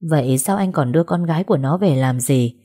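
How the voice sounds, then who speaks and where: A woman voicing an angry, sharp-tongued middle-aged wife. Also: low voice, brisk, slightly rough. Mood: indignant.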